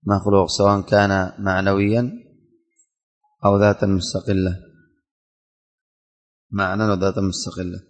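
A man's voice: low voice, little pitch movement, moderate pace, long pauses. Man teaching in a reverberant hall. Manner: quizzes students by name, repeats questions. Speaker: religion teacher. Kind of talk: classroom lesson with questioning. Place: classroom.

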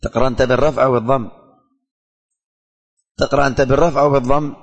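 A man's voice: mid-range voice, fairly even intonation, very fast, husky. A man teaching a religion class in a classroom, quizzing students by name and repeating his questions. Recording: hall reverb.

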